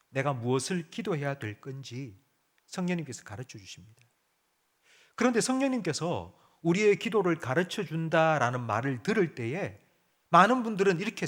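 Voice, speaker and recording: Preaching to his congregation, this pastor asks them pointed questions directly. His voice shifts between urgent, loud pleas and soft, low murmuring.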